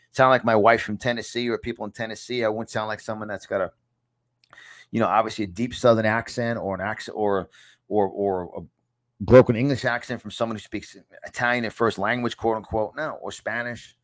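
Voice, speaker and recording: A New Yorker in his fifties coaches viewers on success from his small home studio, speaking fairly quickly in a lowish voice with fairly even intonation. He leans on emphasis and repeats phrases for effect.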